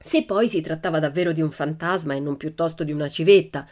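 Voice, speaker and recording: A woman's voice: low-pitched, quick pace, a little mellow, natural voice. A woman reader voicing a bold, cheerful young girl who talks in a breezy, boisterous, matter-of-fact way in an audiobook. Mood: cheeky, boisterous. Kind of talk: audiobook character voice.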